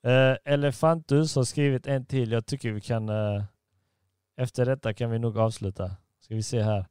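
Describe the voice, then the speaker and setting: A man's voice: medium pitch, steady tone, darkish tone, clear, resonant tone, dry recording, studio quality. A young man hosting a casual chat, talking in slang and reading out listener comments.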